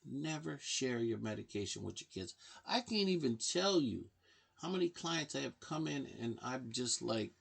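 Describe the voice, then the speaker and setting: A man with a gravelly, fry-tinged voice at an ordinary pitch, talking straight to the camera like a counselor. He lectures parents with emphatic, preachy conviction. He leans hard on rhetorical questions. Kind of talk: direct-to-camera advice talk.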